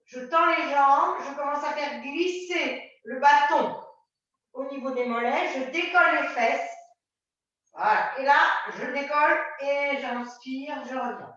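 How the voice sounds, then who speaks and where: Fitness instructor, woman, high and sharp-toned, encouraging cues, heard from afar in a very echoey studio with dull sound. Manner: brisk repeated instructions; encouraging, coaxing. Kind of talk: cueing a group floor exercise class. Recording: very echoey room, mic far off, dull sound.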